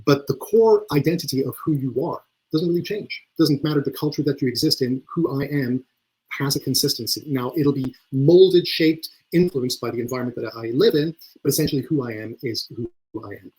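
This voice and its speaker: A man's voice: medium pitch, brisk, warm tone, slightly rough, rough recording. A man speaking as a leadership coach and speaker in an online webinar, earnest in manner and often repeating words as he starts a phrase. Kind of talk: webinar talk. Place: video call.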